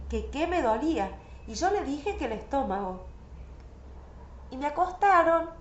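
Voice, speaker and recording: A woman's voice: high voice, a little hiss or hum. A woman reading a novel aloud in the first person, telling the story with anguished emotion. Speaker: audiobook reader. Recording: roomy, slightly dull recording.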